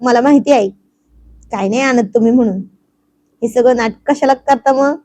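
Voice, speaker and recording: A woman's voice: a little high, normal speed, dark tone, dry recording, close to an everyday voice. A woman voicing a bashful young wife who scolds her husband in a romantic story. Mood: scolding.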